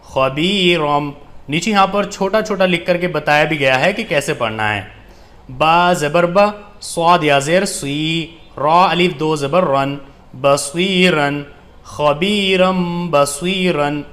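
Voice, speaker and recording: A man teaching Quran reading, spelling out letters and vowel marks, then chanting verses slowly and explaining quickly. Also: a little high, fairly bright tone. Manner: slow drawn-out recitation alternating with quick explanations. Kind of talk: spelling out and reciting Quranic text for learners.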